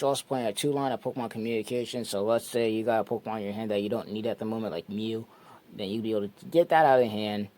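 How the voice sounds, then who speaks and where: Laid-back man explaining a card deck. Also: fairly low pitch. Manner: relaxed, repetitive, explaining step by step. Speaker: card game channel host. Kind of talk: casual deck walkthrough.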